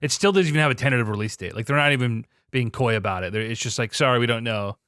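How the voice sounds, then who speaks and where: A man's voice: mid-range voice, lively intonation, very fast, fairly bright tone, no room sound, clean studio sound. A man co-hosting a gaming podcast, laid-back and teasing, tossing in slang like dude and bro. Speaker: podcast co-host. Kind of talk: casual gaming podcast chat.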